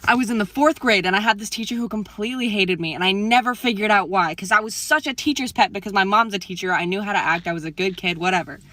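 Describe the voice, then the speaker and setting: A woman's voice: mid-range voice, fast talker, hardly any pauses, bright, forceful tone, no echo. A woman telling a school story in an eager, indignant way. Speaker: TikTok creator. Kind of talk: casual storytelling to camera.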